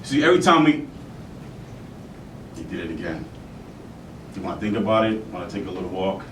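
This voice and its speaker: An animated man acts out a dramatic monologue as an embittered bar owner and father, sardonic and simmering as he lashes out and blames himself. Phrases get hammered through repetition amid halting speech. It's recorded on a faraway mic in an echoing room with a pronounced rumble underneath.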